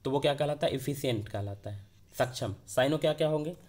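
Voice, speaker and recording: A man's voice: medium pitch, fast talker, darkish tone. A man teaching an exam vocabulary lesson, posing questions to himself and answering them as he goes.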